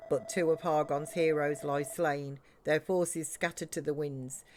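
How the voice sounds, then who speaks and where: A woman voicing a scheming villain with slow theatrical menace, reading out game dialogue. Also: sits low, fairly even intonation, noisy background. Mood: ominous, grave. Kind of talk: game dialogue read aloud.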